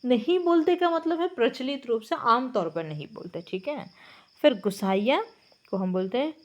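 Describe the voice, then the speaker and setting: A woman's voice: fairly high pitch, expressive, normal speed, highs cut off. A woman with a Bengali accent, explaining textbook answers as a Hindi teacher, with a patient manner and frequent hesitations.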